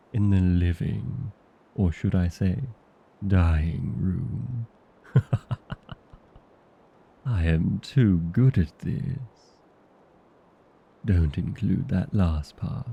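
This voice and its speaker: In a comedic audio roleplay, a man plays a vain, chatty old vampire, speaking low and slow in a gravelly, husky, exaggerated voice. His manner is theatrical and courteous, and he sounds pleased and playful. The sound is lo-fi.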